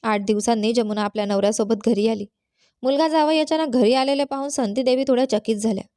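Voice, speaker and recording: Woman narrator for a moral story: steady, fairly high, mellow, dry close mic. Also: fast talker, dry recording.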